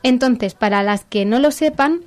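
Castilian spanish woman, kinda high voice, chatty n excited, explaining stuff super informally to her co-host. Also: moderate pace. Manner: enthusiastic, informal, explains step by step. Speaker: segment host presenting a book. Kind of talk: casual chat with a co-host.

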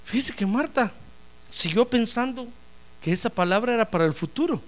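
A man pastor preaching a sermon, animated, calling the congregation brother and acting out dialogues. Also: extremely high pitch, normal speed. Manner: animated, addresses congregation as hermano, acts out dialogue. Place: church in Phoenix.

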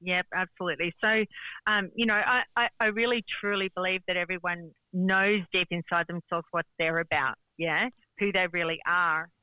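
Woman radio guest, very bright and crisp tone, earnest and reflective, dry sound. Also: lowish voice, fairly even intonation, moderate pace, no room sound, poor audio. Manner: earnest, reflective, with small laughs. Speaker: guest, coach. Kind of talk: radio interview.

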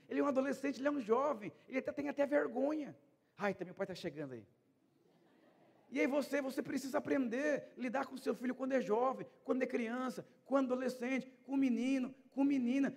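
A middle-aged pastor delivers a conversational sermon, repeating his phrases for emphasis. His voice sits unusually high for a man and has a gravelly, fried edge. A long church-hall reverb trails after his words.

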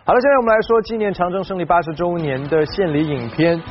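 A man with a fairly high voice presents entertainment news conversationally. The broadcast sound is slightly dull, with light music underneath. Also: expressive, fast talker. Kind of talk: chatty presenting.

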